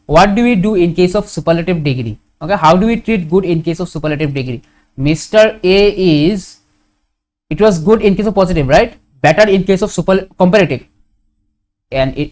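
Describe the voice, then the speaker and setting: A man talks through a grammar lesson for his students. He fills every pause with "okay." He asks questions and answers them himself, correcting his own small slips along the way. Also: sits high, darkish tone. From India. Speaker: teacher.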